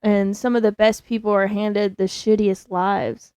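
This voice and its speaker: A woman's voice: medium pitch, level tone, measured pace, darkish tone, clean tone, no room sound. A young woman co-hosting a casual podcast, speaking hesitantly and searching for words. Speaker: podcast co-host.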